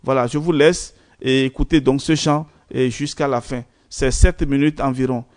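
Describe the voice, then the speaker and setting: A man's voice: medium pitch, fairly even intonation, moderate pace, a little mellow. A man leading a prayer gathering as a priest, speaking informally and unhurriedly, giving instructions and blessings with frequent fillers.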